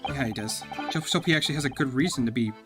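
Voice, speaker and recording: A man's voice: medium pitch, rapid-fire. A man streaming, reading a game's dialogue aloud in a plain questioning way. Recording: game music playing behind.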